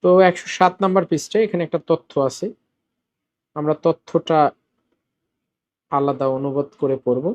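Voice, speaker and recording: A man teaching a Korean lesson in Bengali, explaining step by step, repeating words slowly and asking the class questions. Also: a little high, darkish tone. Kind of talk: classroom-style language lesson.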